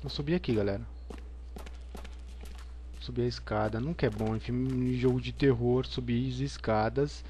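A man's voice: mid-range voice, fairly even intonation, moderate pace, long pauses, mellow, a little hiss or hum. A man in his thirties with a Brazilian accent, commenting live as a scared horror game streamer on a headset mic. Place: indoor room at home.

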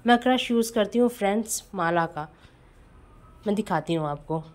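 A woman home baker talks through her cake decorating in a casual voice-over. She is chatty and friendly, and she keeps speaking straight to her viewers as friends. Her pitch sits in an ordinary middle range. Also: expressive, normal speed, a little mellow.

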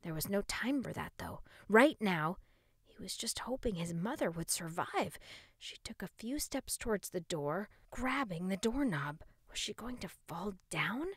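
Expressive woman reading a children's story. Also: mid-range voice, a little slow, breathy edge, no echo, clean studio sound. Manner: expressive, playful, asides to the listener.

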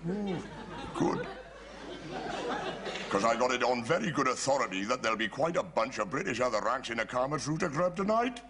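A man's voice: mid-range voice, sing-song, brisk, pauses often, a crowd in the background, lightly acted. Man playing a sly Welsh sergeant major. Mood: scheming. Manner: sly, chuckling, calls the men lovely boys. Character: scheming Welsh army sergeant major, gleeful and mean. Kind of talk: 1970s TV sitcom acting.

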